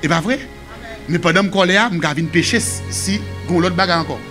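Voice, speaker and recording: A man with a Haitian accent preaching a sermon as pastor, shouting and singing some phrases. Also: high voice, a little fast, over music. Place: church.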